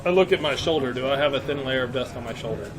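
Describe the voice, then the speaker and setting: A man playing a tabletop game, casually recapping events with hesitant pauses, in a room full of chatter. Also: medium pitch. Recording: noisy room with crowd chatter.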